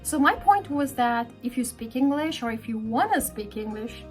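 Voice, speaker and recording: With soft music playing behind her, an English teacher from Pakistan who runs a speaking club tells her vlog story in a friendly way. She speaks at a moderate pace in a slightly high voice with lively intonation.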